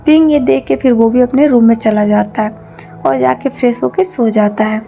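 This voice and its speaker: A woman narrating a fan fiction story in a calm, even storytelling manner. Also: fairly high pitch, moderate pace, vocal fry, faint music behind. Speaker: storyteller, channel host. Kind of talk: reading fan fiction aloud.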